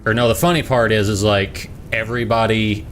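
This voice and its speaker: A young Southern man from the United States, with a Southern accent, streams a game from a room at home, rambling through casual commentary with self-mocking asides. His fairly low, fairly bright voice is brisk and fairly even, with slight background noise.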